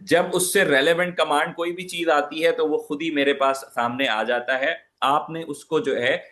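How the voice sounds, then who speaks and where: A man's voice: a little high, steady tone, moderate pace, fairly bright tone. A man teaching a live online public speaking class, explaining patiently and switching between English and Urdu mid-sentence.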